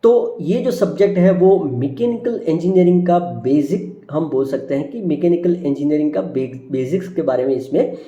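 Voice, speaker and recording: A male engineering lecturer with a slightly raised, soft, mellow voice, recorded in a roomy, echoing space. He reads out technical one by one, each dropping at the end. He keeps tagging "ठीक है" onto his points and calls his viewers friends. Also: a little high, lively intonation, normal speed, dull audio. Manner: addresses viewers as friends, repeats "ठीक है" constantly; lists terms one by one, falling at each item. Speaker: engineering teacher. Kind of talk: subject introduction lecture over slides.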